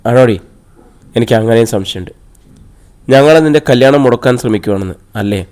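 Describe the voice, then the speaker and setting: A man's voice: medium pitch, a little fast, darkish tone, clean tone, lightly acted. A man reading the part of a stern, worried middle-aged mother who scolds her daughter.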